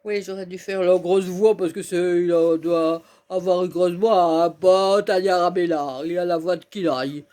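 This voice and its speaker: A woman's voice: lowish voice, fairly even intonation, measured pace, few pauses, mellow. A woman chatting casually and giggling as she comments on a manga she is reading aloud. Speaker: manga reader.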